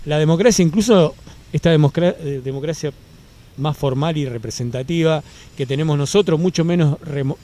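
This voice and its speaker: A man with a Rioplatense Argentine accent talks in an outdoor park, his voice a touch high yet warm and soft-edged. He speaks in a measured way, restarting and filling gaps, then presses his points in firm series. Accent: Rioplatense Spanish. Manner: measured, many fillers and restarts, emphatic lists. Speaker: interviewee. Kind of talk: political interview answer. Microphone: handheld mic held by interviewer.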